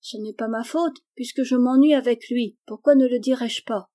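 A woman's voice: on the high side, moderate pace, mellow, voice pushed up, close to an everyday voice. A woman voicing a spoiled, sulky young girl who whines and pleads, reading a storybook. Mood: whining. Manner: whiny, petulant pleading.

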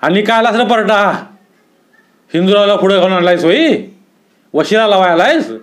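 A man voicing an angry, domineering older village headman who scolds harshly in a raised, higher voice. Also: moderate pace, lightly acted. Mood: furious. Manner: harsh, scolding, barking orders.

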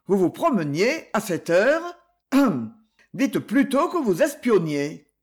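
A man voicing a menacing impostor nobleman who speaks in curt, rough commands. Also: sits high, sing-song, slow, heavily acted. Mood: threatening.

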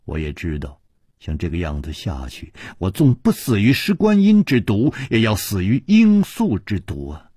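A man voicing a sorrowful ailing woman in a storytelling performance, speaking quietly and subdued. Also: deep voice, big pitch swings, a little slow, breathy edge, no room sound, studio quality, heavily acted. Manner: quiet, subdued, sometimes whispered.

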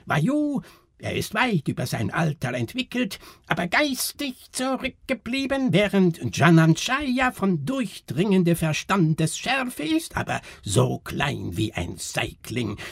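A man voicing a brash female fairground barker who shrieks her announcements slowly in a strange dialect. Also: fairly high pitch, wildly swooping pitch, creaky, husky, dry recording, clean studio sound, pitched above the performer's own voice, heavily acted. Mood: shrill announcing. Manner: shrieking, drawn-out, foreign dialect.

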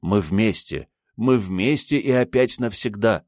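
A man's voice: on the low side, unhurried, no room sound, clean studio sound, pitched above the performer's own voice. A male audiobook reader voicing a passionate, remorseful man who makes fervent, repeated vows to his beloved. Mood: resolute.

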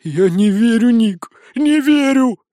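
A man's voice: sits high, takes it slowly, dry recording, studio quality, pitched above the performer's own voice. A man doing a trembling, panicky chubby boy wizard. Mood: frightened. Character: chubby timid boy wizard-fairy, easily terrified.

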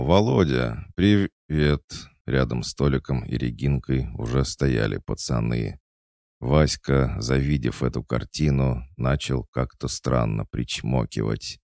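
A man narrating a first-person fantasy audiobook in a wry, deadpan way. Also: extremely low pitch, vocal fry, no room sound, studio quality.

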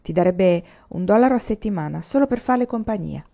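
A woman voicing a kind, practical pioneer mother who talks in a calm, gently worried way. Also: medium pitch, a little fast, vocal fry. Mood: concerned. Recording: muffled lo-fi recording.

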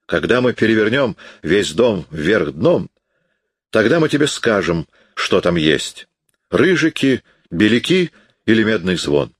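A man doing a gruff domineering bandit chief. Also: on the low side, big pitch swings, unhurried, no echo, studio quality, pitched above the performer's own voice, heavily acted. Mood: harsh. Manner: harsh, commanding. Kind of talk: audiobook reading.

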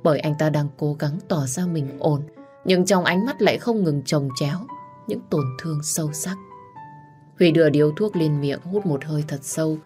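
A woman with a low, deep voice reads a romance story aloud, measured and emotive. Soft music plays faintly behind her. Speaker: audiobook narrator. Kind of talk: scripted romance story narration. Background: soft background music.

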